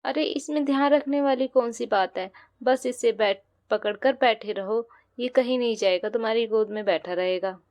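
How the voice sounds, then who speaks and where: A woman voicing a busy young housewife in a doll-play bedtime story, talking briskly and reassuringly. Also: a little high, darkish tone, no room sound, pitched below the performer's own voice, natural voice. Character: busy young housewife, the elder sister-in-law.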